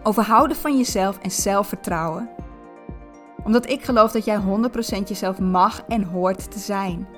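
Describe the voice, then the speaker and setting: Woman, podcast host, self-help coaching, encouraging and explanatory, mid-range pitch. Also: normal speed, soft background music. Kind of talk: spoken self-help coaching, addressing the listener.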